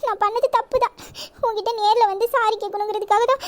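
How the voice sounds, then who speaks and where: A woman's voice: very high-pitched, fairly even intonation, fast talker. A woman playing a pleading, lovesick college girl. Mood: pleading, tearful. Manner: pleading, coaxing, affectionate. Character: tearful young college girl in love. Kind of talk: romantic audio drama acting.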